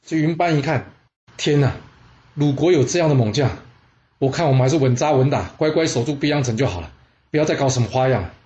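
A man's voice: medium pitch, fast, a little mellow, highs cut off. A man telling a historical war story dramatically, with exclamations and rhetorical questions.

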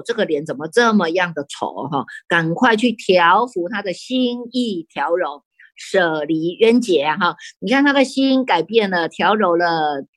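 Speaking in a mid-range voice with no echo, a Buddhist nun gives a sutra sermon in a Taiwanese Mandarin accent. She tells it like a lively story, filled with rhetorical questions and tag particles.

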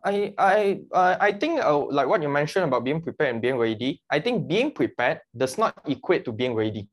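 A man's voice: a little high, lively intonation, moderate pace. A man speaking as a guest about his work as a mission mobilizer, earnest and explaining with analogies. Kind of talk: conversational interview.

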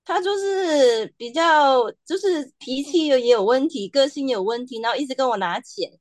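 A woman chatting as a podcast guest, telling her own story with animated quoted asides. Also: high voice, no echo, studio quality. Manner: animated storytelling, quoting others in quick asides. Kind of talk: casual chat.

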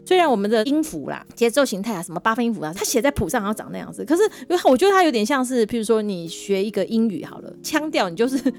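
A woman hosting a podcast, chatty and animated with frequent laughter. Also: fairly high pitch, rapid-fire, few pauses, faint music behind. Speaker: podcast host. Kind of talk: casual chat.

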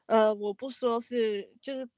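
A woman's voice: a little high, fairly even intonation, unhurried, background noise. A woman who works at an agency, speaking as a guest in a hesitant way with many fillers. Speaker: agency worker, guest caller.

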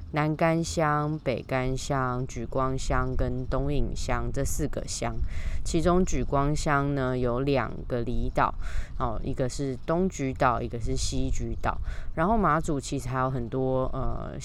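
Faint outdoor noise sits behind a podcast host speaking through a face mask, which slightly muffles the voice. The accent is Taiwanese Mandarin and the pitch is middling. The delivery is casual, unscripted solo talk to listeners. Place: outdoors in a park. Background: faint natural ambient sound.

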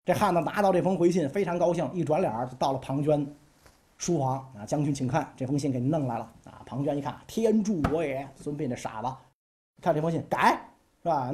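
Lively chatty male storyteller. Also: a little high. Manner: colloquial, chatty, keeps asking "right?". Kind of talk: casual history storytelling.

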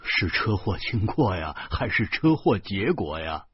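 A man voicing a middle-aged male driver who scoffs, chuckles and brushes others off in a gruff, low voice. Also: big pitch swings, unhurried, no room sound, dull audio, exaggerated voice. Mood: scoffing.

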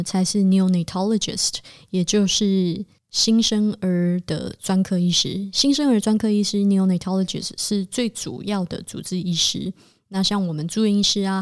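A woman's voice: mid-range voice, darkish tone, no room sound, studio quality. Young woman retelling a hospital story. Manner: conversational retelling that mixes in English medical terms. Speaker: podcast host and resident physician. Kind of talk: casual storytelling podcast.

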